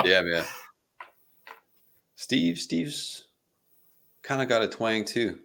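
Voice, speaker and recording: Low-voiced guy chatting on a podcast, laid back, swears a lot. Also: very slow, creaky, a little hiss or hum. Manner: relaxed, swears casually. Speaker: podcast guest. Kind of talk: casual chat.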